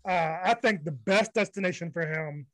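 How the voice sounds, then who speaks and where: A man's voice: on the high side, moderate pace, a bit bright, no room sound, rough recording. A man hosting a sports podcast, talking bluntly and dismissively in casual chat and steering the segments. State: low energy from fasting. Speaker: podcast host.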